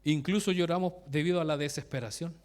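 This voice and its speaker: A man preaches in a relaxed, informal way, restarting phrases as he goes. His voice sits somewhat high for a man. He turns to his listeners with direct questions and chuckles at his own anecdotes. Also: fast talker. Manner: informal, self-interrupting, laughs at his own stories; asks the congregation direct questions. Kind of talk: conversational sermon with personal stories.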